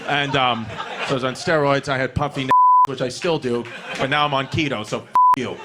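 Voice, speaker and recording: A man's voice: medium pitch, steady tone, a little fast, very noisy. A man from New York in his thirties doing a stand-up set in a comedy club, brash and profane, rambling and laughing at his own lines.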